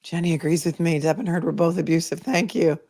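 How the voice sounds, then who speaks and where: Answering viewer comments on her legal livestream, a Boston-accented woman talks conversationally, shares opinions, and thinks out loud. She speaks briskly in a fairly low, mellow voice with a steady tone.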